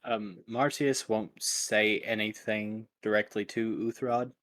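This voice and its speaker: A man's voice: fairly low pitch, steady tone, takes it slowly, fairly bright tone. A man as a player in a tabletop game, talking hesitantly.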